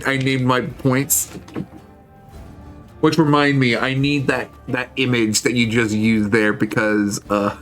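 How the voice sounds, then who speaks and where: A man's voice: medium pitch, a bit bright. A man streaming a role-playing game, chatting casually, swearing and joking as he plays. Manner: profane, joking, laughs often. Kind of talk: casual gameplay commentary.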